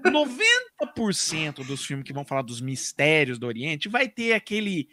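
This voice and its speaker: A man's voice: on the high side, wildly swooping pitch, normal speed, sharp tone. A man co-hosting a podcast, chatting about a film and adding trivia and asides. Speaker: podcast co-host. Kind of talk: casual film chat.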